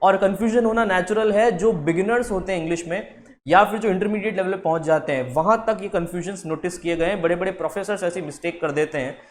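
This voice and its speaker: Male tutor, high-pitched, drawn-out terms, faint background noise. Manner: explains with slow drawn-out English words. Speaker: English teacher. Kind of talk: spoken English lesson.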